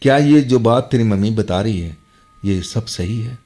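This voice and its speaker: A man's voice: on the low side, moderate pace, warm tone, lightly acted. A man voicing a stern, devout father. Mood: firm.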